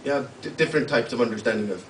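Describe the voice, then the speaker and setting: A man introducing his poem at a live reading, halting and searching for words as he explains it. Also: medium pitch. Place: live literary event hall. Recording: roomy, distant live mic with faint hum.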